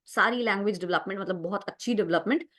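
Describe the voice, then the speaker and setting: This fast-talking young woman has a mid-range, fairly bright voice. Teaching an exam-prep session, she explains each step in turn, moves freely between Hindi and English, and repeatedly asks "right?"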